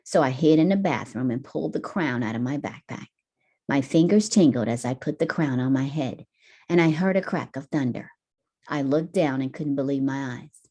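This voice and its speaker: In a rumbling low voice, a woman teacher reads a picture book to children with deliberate, expressive storytelling.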